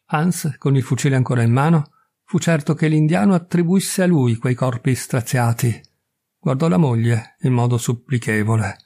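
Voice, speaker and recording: A man narrating a story as an audiobook reader, with measured, unhurried delivery. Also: mid-range voice, mellow. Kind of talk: scripted narration.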